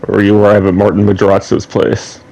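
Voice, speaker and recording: A young gaming channel host rambles through casual gameplay commentary, tossing in trivia asides, his voice slightly off from a mild head cold. He speaks a little fast in a fairly low, darkish voice with completely flat delivery, and the audio is poor.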